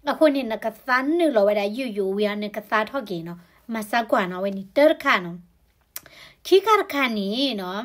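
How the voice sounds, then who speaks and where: A woman explaining health topics in a conversational way, often adding tag particles to her sentences. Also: fairly high pitch. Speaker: health educator.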